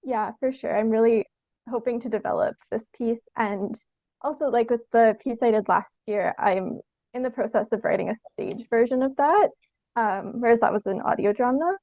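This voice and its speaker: This casual interview features a young adult theatre artist from Canada, whose high voice moves at normal speed as she chats informally and giggles mid-sentence again and again. The recording is dry, narrow, and tinny.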